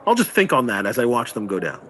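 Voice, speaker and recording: A man's voice: mid-range voice, huge pitch swings, quick pace, a bit bright. Jokey stammering man at the game table. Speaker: player.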